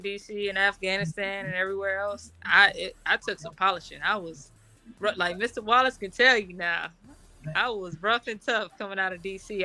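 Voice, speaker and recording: A middle-aged Army officer from Washington, D.C. is a guest in a casual interview, chatting in a relaxed way with frequent laughter and plenty of fillers. Her voice sits in the mid range, with no room sound.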